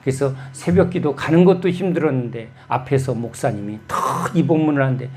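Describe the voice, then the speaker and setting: A man's voice: mid-range voice, brisk, dark tone, a little hiss or hum. A man preaching a sermon as pastor, telling stories and putting rhetorical questions to his congregation.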